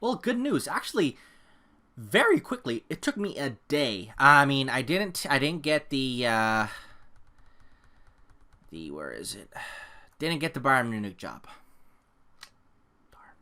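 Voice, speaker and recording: Sing-song and slow with long pauses, this young Californian YouTuber's mid-range voice sounds pushed and bright. He sits at home with a desk microphone, offering casual, meandering gameplay commentary to camera that's packed with fillers and self-mocking remarks.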